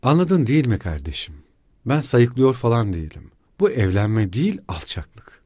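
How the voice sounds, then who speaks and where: A man's voice: medium pitch, big pitch swings, normal speed, warm tone, no echo, studio quality. A man voicing a feverish young male student who speaks in strained, broken-off bursts. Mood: bitter. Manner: strained, breaking off abruptly.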